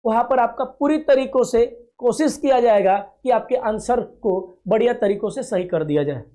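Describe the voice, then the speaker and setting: His pitch is extremely high and mellow, his speed normal, as he teaches students reasoning on a coaching video. He sounds sure of himself, promises results, addresses them as dear children, and often asks "clear?" in a coaxing way.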